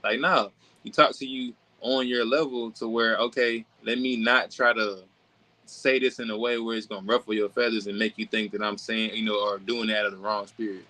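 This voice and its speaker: A man's voice: fairly low pitch, moderate pace, poor audio. A man co-hosting a casual religious discussion who makes his points emphatically. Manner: animated and emphatic, asks "you feel what I'm saying?". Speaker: podcast co-host.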